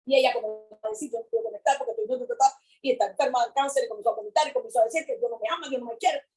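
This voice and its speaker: A woman preaching a sermon with fervor, repeating her phrases and swinging between loud calls and hushed words. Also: on the high side, very fast, rough recording.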